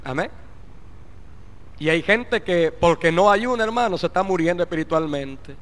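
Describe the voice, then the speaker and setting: A man preaches a fervent sermon in a high, ringing, bright voice, sprinkling in hallelujahs as he goes. He swings from urgent exhortation down to soft muttered asides, and a long hall reverb trails behind each phrase. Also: animated, normal speed. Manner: fervent preaching, with frequent interjected "aleluya" and "bendito Cristo". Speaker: pastor.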